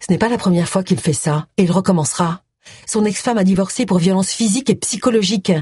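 A woman's voice: mid-range voice, quick pace, dark tone, husky, no echo, clean studio sound, close to an everyday voice. A woman voicing a matter-of-fact male police officer in an audiobook reading.

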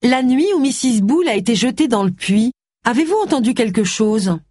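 A woman voicing a sharp-tempered, impatient middle-aged woman, with brisk, clipped questions. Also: medium pitch, big pitch swings, husky, no room sound, clean studio sound, voice pushed up.

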